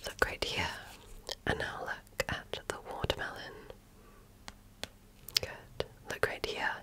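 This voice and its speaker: Gently and patiently, a woman whispers with a breathy, deliberate delivery. She is performing ASMR in the role of a medical examiner, a soft-spoken personal-attention roleplay.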